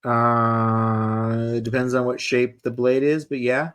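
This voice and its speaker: A man's voice: medium pitch, completely flat delivery, fairly bright tone, clear, resonant tone. A man co-hosting a knife show in casual chat, easygoing and teasing. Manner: easygoing, teasing, quick to laugh.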